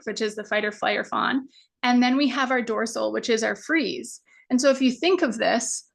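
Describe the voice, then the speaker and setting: A woman's voice: a little high, vocal fry, fairly bright tone. A woman business coach teaching a live online masterclass in a casual, chatty way, full of fillers and the odd swear word. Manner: acts out anxious inner voices.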